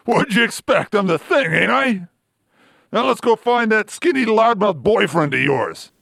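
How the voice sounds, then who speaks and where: A man voicing the Thing, a gruff, cocky monster hero with gravelly tough-guy slang, in an amateur comic-book radio play. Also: sits high, animated, measured pace, a bit bright, no room sound, clean studio sound, full character voice.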